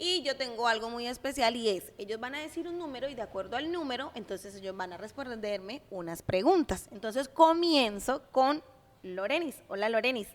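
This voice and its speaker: Upbeat woman, church talk show host, fairly high voice, long hall reverb. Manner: upbeat and welcoming, playful with guests.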